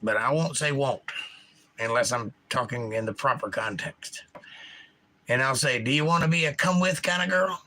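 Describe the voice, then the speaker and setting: This livestream host's Georgia drawl comes with bright, crisp enunciation and a medium pitch at a moderate pace. He's animated and opinionated while casually reading viewer comments, heard through a rough recording.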